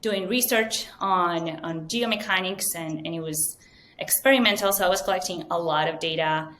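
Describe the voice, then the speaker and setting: A woman's voice: fairly low pitch, normal speed, fairly bright tone, slight background noise. A woman from Venezuela, answering interview questions fluently and earnestly, with frequent ums. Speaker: guest, data science manager.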